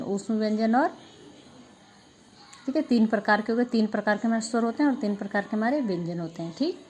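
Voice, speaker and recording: A woman's voice: on the high side, mellow, a little hiss or hum. A woman teacher going over a grammar revision lesson with a class, asking questions and answering them herself. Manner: patient, asks and answers her own questions; repeats filler "ठीक है" often. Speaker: school Hindi teacher.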